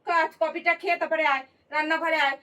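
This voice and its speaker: A woman's voice: very high-pitched, fairly even intonation, quick pace, pushed and bright, recorded from a distance. An actress playing a protective mother in a family drama, soothing and defensive in turn. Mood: reassuring. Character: protective mother of grown son.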